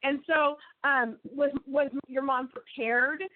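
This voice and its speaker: A middle-aged woman doing a casual phone interview, asking questions haltingly and trailing off as she takes notes. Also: high-pitched, fairly even intonation, no echo. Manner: halting, trails off while note-taking. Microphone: phone call. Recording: tinny dry phone-line sound.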